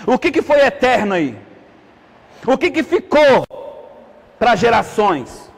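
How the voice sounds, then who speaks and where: A man preaching a sermon, calling out to the congregation and swinging between loud peaks and hushed asides. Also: very high-pitched, big pitch swings, takes it slowly, vocal fry. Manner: calls out to the congregation with repeated "amém, irmão?". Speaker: apostle preaching. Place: church hall. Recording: hall reverb.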